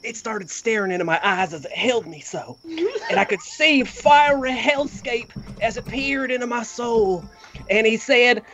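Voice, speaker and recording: A player voicing an earnest, bumbling holy brother who speaks in a halting, dramatic, pious way in a tabletop game. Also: mid-range voice, animated, a bit bright, highs cut off, faint music behind. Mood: awed, dramatic.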